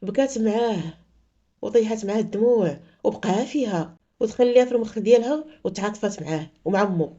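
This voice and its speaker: A woman with a Moroccan accent narrating a story in an expressive storytelling style. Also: medium pitch, quick pace, highs cut off. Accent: Moroccan Arabic.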